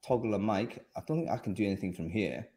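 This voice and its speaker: Hosting a live panel over video call, a man talks fast in a lowish, dark-toned voice. He uses an over-ear headset at his home office and comes across as friendly and chatty, with many fillers and restarts.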